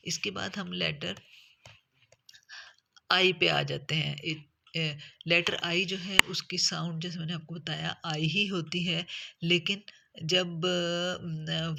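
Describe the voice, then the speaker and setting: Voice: medium pitch, creaky, pushed and bright. A teacher giving a spoken lesson on English letter sounds in with speech, hesitant and full of fillers as words are spelled out letter by letter.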